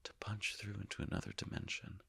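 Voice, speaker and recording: An actor playing the Higgs boson as a calm, all-knowing narrator, telling his story in a measured way and sinking often into hushed whispers. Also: lightly acted. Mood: hushed awe. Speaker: actor performing a stage monologue. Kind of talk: theatrical monologue.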